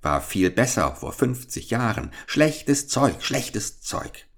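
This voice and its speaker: A man reading a fairy-tale audiobook, voicing a hoarse, spiteful old witch who mutters, mocks and repeats her words in a sing-song. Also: medium pitch, sing-song, takes it slowly, voice pushed up, exaggerated voice. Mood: mocking, grumbling.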